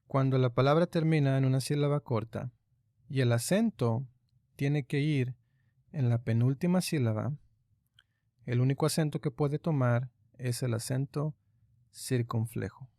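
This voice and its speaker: A man teaching an online lesson, explaining grammar rules patiently and step by step, pausing often with fillers. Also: medium pitch, warm tone, no echo, clean studio sound. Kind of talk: online lesson on Greek accents.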